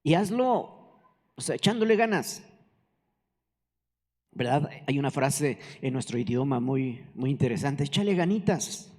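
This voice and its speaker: Older pastor preaching in a church hall. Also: male voice, medium pitch, unhurried, long pauses, a little mellow. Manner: conversational preaching with questions to the congregation. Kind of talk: sermon.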